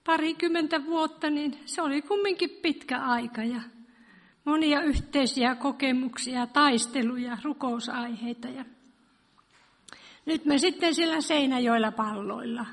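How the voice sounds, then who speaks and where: A woman visiting her old congregation, greeting them in a friendly way. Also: high-pitched. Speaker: former congregation member visiting. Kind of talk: greeting at a church service. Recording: reverberant church hall.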